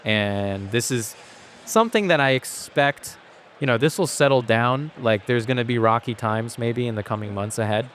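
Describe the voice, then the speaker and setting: This man, a company founder raised in Asia, speaks in a mid-range voice with a fairly bright tone at normal speed. As a podcast guest in a casual interview, he talks at length in a thoughtful way with frequent restarts. A little hiss or hum is audible.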